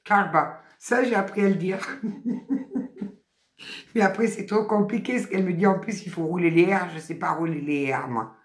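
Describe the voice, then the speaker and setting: A woman in her fifties with a Southern French accent gives a casual spiritual card reading. She chats and exclaims, then reads each card's text slowly aloud. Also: fairly low pitch, darkish tone. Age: 50s. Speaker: oracle card reader. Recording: echoey room.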